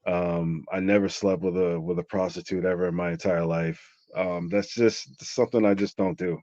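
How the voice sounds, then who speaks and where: A middle-aged man, a guest in an interview, rambles casually while telling a story, with lots of "like." His voice is low, steady and a little mellow at normal speed, recorded dry with a dull lo-fi quality.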